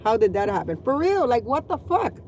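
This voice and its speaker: A woman's voice: on the high side, big pitch swings, fairly quick, darkish tone, a little hiss or hum, poor audio. A middle-aged woman and mother venting to her viewers in a blunt, profane, exasperated rant. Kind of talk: ranting vlog monologue.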